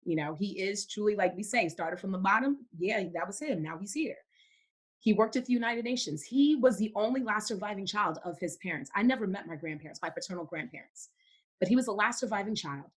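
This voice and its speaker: Young woman, from Cameroon, podcast guest, emphatic, repeats for stress, slightly husky. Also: medium pitch, animated, brisk. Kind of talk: casual faith-based conversation.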